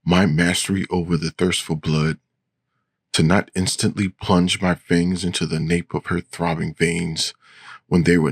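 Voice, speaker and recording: A man's voice: deep voice, gravelly, no room sound. A man narrating gothic horror in the voice of an old vampire, formal and courtly. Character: centuries-old male vampire, composed and menacing. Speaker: audiobook narrator.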